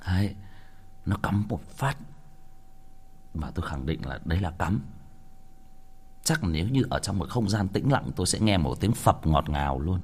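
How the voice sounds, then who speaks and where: A man's voice: low-pitched, lively intonation, moderate pace, long pauses, breathy edge. A man telling a childhood story in a crude, colloquial way. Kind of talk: casual storytelling.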